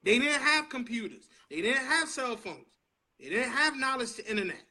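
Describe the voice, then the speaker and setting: An impassioned preacher man leads a Bible study chat. His voice sits very high and bright, with a forceful edge. He preaches and vents his frustration as he goes. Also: very animated, moderate pace. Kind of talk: passionate Bible study discussion.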